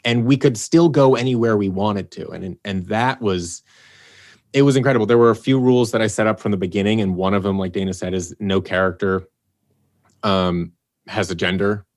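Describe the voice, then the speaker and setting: A fairly low-voiced man from the Los Angeles area, the producer and writer of an audio drama, chats casually and fairly quickly in a podcast interview. He rambles through his thoughts with restarts and fillers, doubling back on words, and becomes animated whenever he quotes himself or acts out what someone said.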